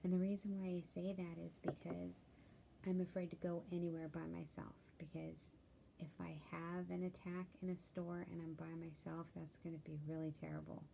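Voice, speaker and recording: Woman, sleepy and worried, dark husky tone, low pitch, many ums, personal vlog. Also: flat delivery, normal speed, a little hiss or hum. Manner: tired and worried, soft-spoken, many ums, drifts into whispers. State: sleepy, yawning. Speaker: vlogger sharing a health update. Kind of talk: candid personal vlog update.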